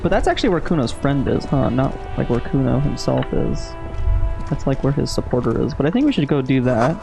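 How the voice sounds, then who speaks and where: A man giving casual, low-key playthrough commentary as a gaming host, musing aloud and reading out game text. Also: big pitch swings, a little fast, vocal fry, over music.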